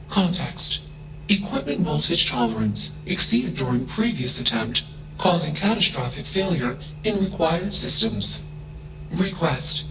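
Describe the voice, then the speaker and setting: A man voicing a cold, literal male ship AI with a flat, emotionless, machine-like delivery in a video game. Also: medium pitch. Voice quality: flat, emotionless, machine-like delivery, announces each statement type. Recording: game audio with loud hum.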